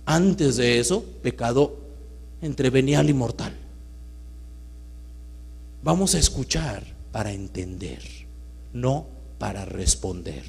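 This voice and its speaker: A man giving a live talk to an audience, swinging between loud emphatic bursts and hushed storytelling. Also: mid-range voice, lively intonation, slow, vocal fry, long pauses, breathy edge. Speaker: motivational speaker. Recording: reverberant hall with mains hum.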